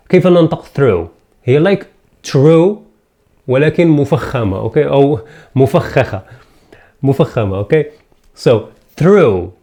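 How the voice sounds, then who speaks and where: An Algerian-accented man leads a pronunciation lesson, pitched mid-range for a man. He drills each English word over and over at a slow pace and explains in Arabic between repetitions. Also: dark tone. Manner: repeats words slowly, switches between Arabic and English. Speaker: English teacher.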